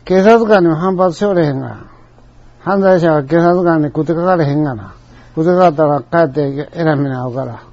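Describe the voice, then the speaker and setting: A man's voice: fairly high pitch, brisk, darkish tone. An older man with a Kansai accent telling a rambling personal anecdote in a chatty, colloquial, digressive way. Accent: Kansai Japanese. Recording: dull lo-fi recording.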